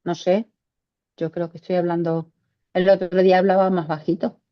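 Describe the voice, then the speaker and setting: A woman's voice: on the low side, flat delivery, moderate pace, no room sound. A woman on a video call whose voice sounds faint and far from the mic, checking whether she can be heard. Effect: voice far from the mic and faint over a video call. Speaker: study group participant. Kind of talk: casual chat on a video call. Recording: dull, distant call audio.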